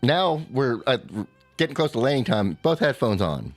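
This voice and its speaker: A man co-hosting a chat show, telling a long, animated travel story in a casual way. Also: moderate pace, no echo, soft background music. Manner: animated storyteller, mimics a screaming child in high squeals. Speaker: podcast co-host.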